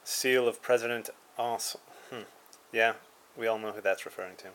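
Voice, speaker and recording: A man's voice: on the low side, steady tone, moderate pace, fairly bright tone, a little hiss or hum, rough recording. A man casually reviewing a card game, reading card names aloud with dry asides and chuckles.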